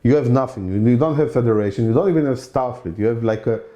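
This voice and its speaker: On his own channel, a man from Israel of about forty gives a casual opinion monologue in an Israeli accent, chatty and loose, often saying "you know" and restating points for emphasis. His mid-range voice is quick and dark-toned, and the sound is lo-fi.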